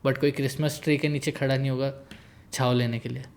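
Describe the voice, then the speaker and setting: Fairly quick and flat, this man's mid-range voice has a gravelly, darkish tone. He's a late-twenties guest in a laid-back conversation, joking around and sliding English into his Hindi.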